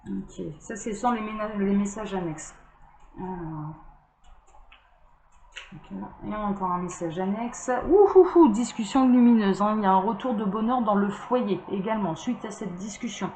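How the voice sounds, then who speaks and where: A woman's voice: medium pitch, moderate pace. A woman doing a casual, rambling tarot card reading to camera, chatty, with many fillers and small laughs. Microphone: camera mic. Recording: roomy echo, faint background hiss.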